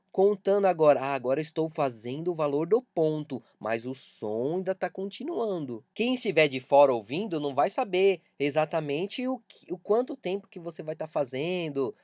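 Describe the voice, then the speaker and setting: A woman's voice: fairly low pitch, warm tone, no room sound, clean studio sound. A woman with a Brazilian accent teaching music theory in a video lesson, patiently repeating key points as she explains.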